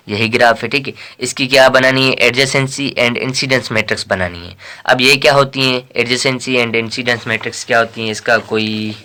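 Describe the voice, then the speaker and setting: Bright-voiced man teaching math. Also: mid-range voice. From Pakistan. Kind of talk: casual lecture explaining textbook exercises.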